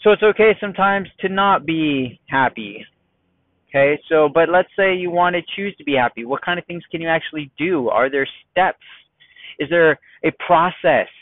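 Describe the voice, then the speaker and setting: A man hosting a casual solo podcast from his car in traffic, chatty and quickly worked up, firing off rhetorical questions. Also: on the high side, no echo. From United States. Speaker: podcast host. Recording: tinny phone-like dry sound.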